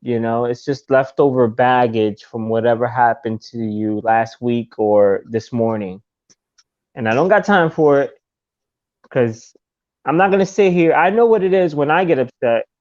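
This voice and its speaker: A man talking casually as a podcast guest, animated, jumping into high voices to act out his own thoughts. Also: moderate pace. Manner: animated, acts out his own inner voice in high squeaky tones. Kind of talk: casual conversation. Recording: dull lo-fi audio.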